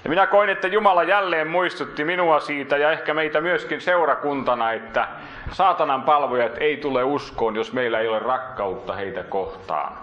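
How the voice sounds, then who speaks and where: A man preaching a sermon in earnest, lifting his voice for emphasis and then dropping it low and slow. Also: a bit bright, echoey room, dull audio.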